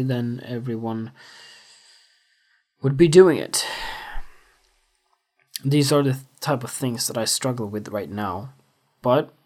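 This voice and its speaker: A young male podcast host in his 20s, a native Swedish speaker, talks on his own in a casual, self-reflective way. His voice is medium-pitched and a little mellow, and he rambles with plenty of fillers.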